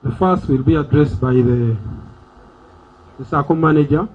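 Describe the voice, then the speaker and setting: A man's voice: fairly high pitch, normal speed, slightly rough. A man speaking as treasurer, greeting the members formally with hesitant fillers. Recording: tinny, phone-like event recording.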